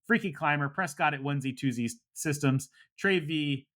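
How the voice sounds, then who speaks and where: A man's voice: fairly high pitch, moderate pace, fairly bright tone. A man co-hosting a podcast in casual chat, laid-back, laughing often and trailing off with fillers. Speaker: podcast co-host.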